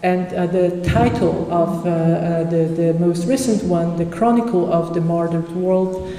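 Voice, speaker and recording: A conference speaker talks through an academic presentation in a mellow, subdued voice, halting often between phrases. The delivery is slow, and the sound rings through a lecture hall with a long reverb tail. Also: mid-range voice, steady tone, slight background noise. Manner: halting, with frequent pauses and fillers.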